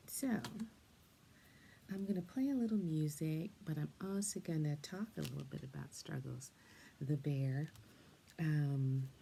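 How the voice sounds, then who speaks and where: Older lady coloring and rambling softly, low voice with some fry, half whispers a lot. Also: slight background noise. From England, then Canada and the United States. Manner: soft-spoken, meandering, often drops to a half-whisper. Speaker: storyteller and coloring host. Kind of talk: gentle chatty storytelling while coloring.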